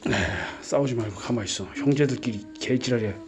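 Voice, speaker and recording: A man talking casually in a gruff, exasperated way, scolding and sighing, with repeated commands and frequent swearing. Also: medium pitch, brisk, heavy background noise. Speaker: vlogger caring for puppies.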